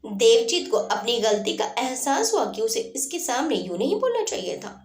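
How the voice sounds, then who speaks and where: Woman, storybook narration, expressive reading, animated pitch, roomy echo. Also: normal speed.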